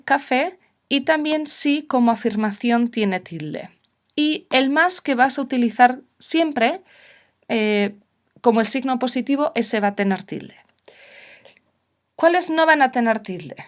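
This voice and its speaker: Woman, grammar teacher, patient clear explaining, somewhat high voice. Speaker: Spanish teacher. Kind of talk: recorded grammar lesson.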